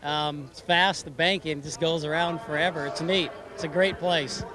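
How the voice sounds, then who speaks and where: A man's voice: fairly high pitch, steady tone, moderate pace, a crowd in the background. A man, a race driver, speaking candidly in a post-race interview outdoors at a track. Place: outdoors at a racetrack.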